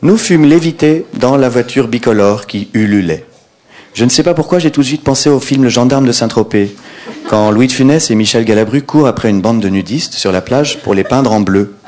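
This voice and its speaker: A man's voice: mid-range voice, a little fast, darkish tone. A middle-aged man, an author, reading his own book aloud wryly and chatting with an audience. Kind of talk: literary reading and audience chat.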